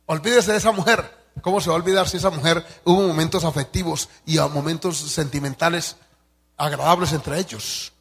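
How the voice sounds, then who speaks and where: A man pastor preaching a sermon to fellow pastors. He reads each point slowly, explains it emphatically, speaks straight to his listeners and acts out quoted dialogue. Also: on the high side, fairly bright tone, slightly rough, in a large hall.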